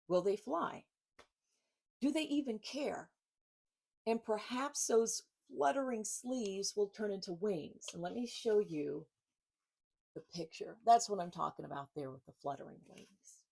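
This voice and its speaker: Reading from her book with expressive, emphatic delivery, this woman author also chats informally and lets deliberate pauses fall. Her voice is medium-pitched and dark, with vocal fry.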